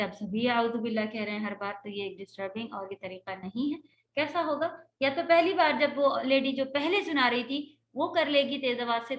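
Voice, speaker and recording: A woman's voice: on the high side, a bit bright. A woman Quran teacher giving a patient, explanatory religious lecture, slipping English words into her talk.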